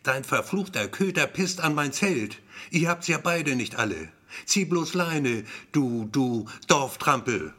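Figur: Mann spricht einen betrunkenen, cholerischen Urlauber, laut und fluchend, mittlere Stimmlage, Hörbuch. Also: male voice, mid-range voice, very animated, slow pace, exaggerated voice. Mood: furious. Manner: shouting, cursing. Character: boozy, short-tempered man on holiday.

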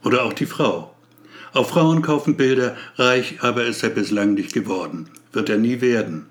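A man narrating a story aloud in a measured way. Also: mid-range voice.

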